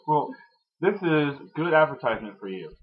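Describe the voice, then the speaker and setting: A man's voice: on the high side, lively intonation, moderate pace. A man co-hosting a podcast, giggling and teasing in casual chat. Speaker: podcast co-host. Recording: dull lo-fi sound.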